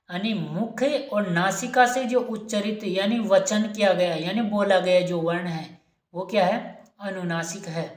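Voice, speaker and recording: A woman teaching an exam-prep lesson, asking questions and answering them herself, repeating each key term. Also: mid-range voice. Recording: echoey room.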